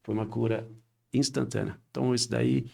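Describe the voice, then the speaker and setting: Gravelly-voiced pastor telling a testimony. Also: male voice, brisk. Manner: animated retelling with quoted dialogue, rising pitch when excited. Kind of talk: storytelling a testimony on a podcast.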